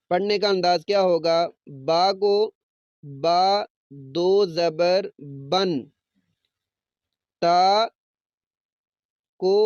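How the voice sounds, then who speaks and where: High-voiced man teaching recitation, dull lo-fi sound. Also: darkish tone, smooth, no room sound. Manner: drills letter sounds slowly and repeats them. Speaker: Quran reading teacher. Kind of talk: step-by-step recitation lesson.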